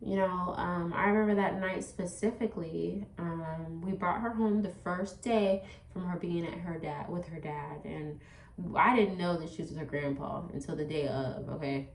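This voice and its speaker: A woman's voice: fairly low pitch, moderate pace, slight background noise. Rambling woman vlogging in an echoey room. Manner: rambling, full of "like" and "you know"; addresses viewers directly as "you guys". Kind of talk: casual storytelling while doing makeup.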